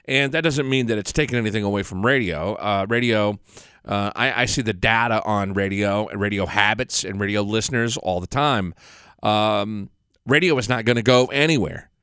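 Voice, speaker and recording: A man hosts a casual podcast on his own. His voice is smooth and clear, recorded very dry, and he speaks bluntly and with opinion in an unscripted, conversational way. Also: lowish voice, normal speed, fairly bright tone, dry recording. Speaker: podcast host.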